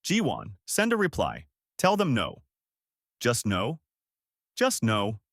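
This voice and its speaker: A man voicing a calm, commanding male starship captain. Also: mid-range voice, normal speed, no room sound, studio quality, exaggerated voice. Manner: firm, commanding.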